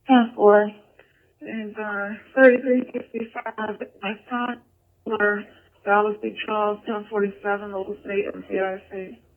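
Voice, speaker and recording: A woman police dispatcher giving brisk, clipped code calls, heard over a police radio transmission. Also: mid-range voice, little pitch movement. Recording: tinny radio band.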